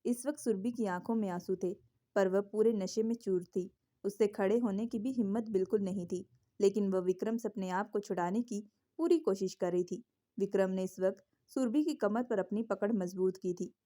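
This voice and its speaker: Mellow-voiced woman narrating a story. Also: mid-range voice, moderate pace. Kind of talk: scripted narration of a romance story.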